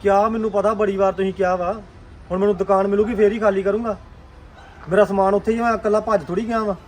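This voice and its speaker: An actor playing a young husband out of work who defends himself and pleads with those who scold him. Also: male voice, high-pitched, level tone, fast, darkish tone, lightly acted. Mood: defensive. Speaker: husband in a family drama.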